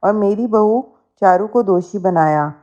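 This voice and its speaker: A woman's voice: medium pitch, measured pace, warm tone, muffled recording, close to an everyday voice. A woman voicing a stern, suspicious middle-aged mother-in-law who scolds her household, in a storybook reading. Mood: scolding.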